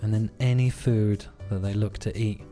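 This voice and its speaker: A man's voice: fairly low pitch, steady tone, moderate pace, dark tone, faint music behind. A man co-hosting a podcast in the middle of the night, sleepy and trading jokes in casual banter. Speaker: podcast co-host. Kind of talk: casual late-night chat.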